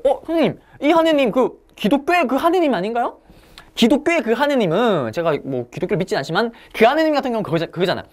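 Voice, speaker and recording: A woman giving an exam-prep history lecture, asking the class questions and answering them herself. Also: a little high.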